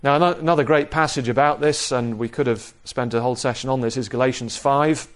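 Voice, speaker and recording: Measured and explanatory, a man delivers an expository sermon on the Bible, emphasizing points by repeating key phrases. He speaks with a mid-range voice.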